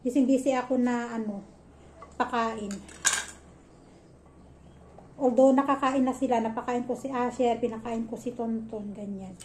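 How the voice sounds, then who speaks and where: A woman's voice: on the high side, a little slow, long pauses. A woman vlogger animatedly retelling a family quarrel in casual storytelling, recorded in a roomy room at home with faint noise. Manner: animated, gossipy retelling with quoted dialogue.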